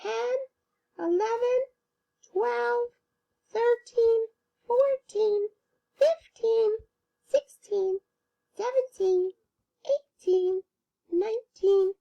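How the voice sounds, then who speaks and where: A preschool teacher putting on a tiny, high, playful wee voice, counting in a squeaky sing-song. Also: female voice, extremely slow, gravelly, pauses often, warm tone, lo-fi sound, exaggerated voice.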